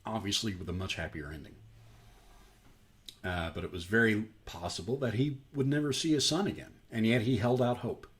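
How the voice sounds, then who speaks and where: A man's voice: on the low side, brisk. A man hosting a daily scripture stream, talking through a parable in a conversational way, with frequent "you know"s. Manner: animated, conversational, many fillers like "you know". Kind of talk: Bible study talk.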